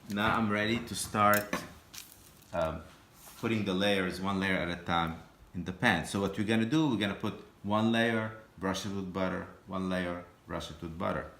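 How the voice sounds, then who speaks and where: A man giving a patient, step-by-step cooking demonstration in his home kitchen, often pausing and restarting his sentences. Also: deep voice, a bit bright. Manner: halting, patient step-by-step explaining with frequent restarts. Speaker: home cook. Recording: echoey kitchen room.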